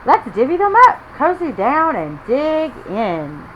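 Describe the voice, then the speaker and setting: A woman's voice: sits high, sing-song, measured pace, muffled recording, a little hiss or hum, voice pushed up. A woman voicing a friendly, grinning storybook badger in a cheerful, lilting tone.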